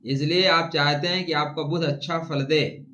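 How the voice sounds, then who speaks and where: A man giving a monthly horoscope talk, emphatic with dramatic pauses, slowly reciting Sanskrit verses and rhymes. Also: on the high side, fairly even intonation, sharp tone. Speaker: astrologer. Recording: echoey room with faint noise.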